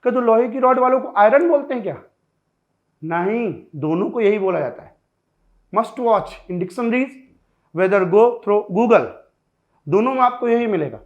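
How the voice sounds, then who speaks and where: A man teaching pronunciation in a classroom-style lesson, lively and joking, talking straight to his students. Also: high-pitched, a little slow, long pauses, lo-fi sound.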